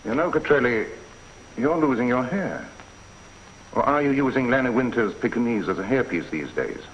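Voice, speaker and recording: A man's voice: mid-range voice, lively intonation, moderate pace, close to an everyday voice. Male lead as a dry, level-headed radio-play inspector on a dull, hissy old broadcast. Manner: cool, terse, wry. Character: calm, dry-witted male police inspector. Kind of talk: 1950s radio drama acting. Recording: dull lo-fi vintage radio recording.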